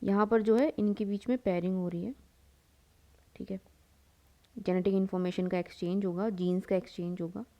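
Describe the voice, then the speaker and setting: A woman's voice: mid-range voice, fairly even intonation, normal speed, long pauses, dark tone, dull audio. A young woman teaching a biology lecture, drawing as she explains, asking her students questions, answering them herself, and slipping English terms into her Hindi. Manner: calls listeners "beta" and mixes English into the talk. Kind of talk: classroom lecture while drawing.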